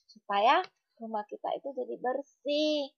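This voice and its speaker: A woman teacher giving a gentle, repetitive lesson to young children, often checking in with them. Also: high voice, unhurried, vocal fry, dry recording, highs cut off.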